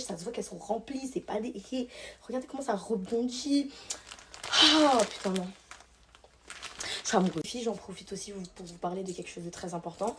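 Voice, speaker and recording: A young woman from Réunion, chatty and excitable, talking casually to her viewers in a vlog. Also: a little high, noisy background. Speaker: vlogger. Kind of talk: casual vlog chat to camera.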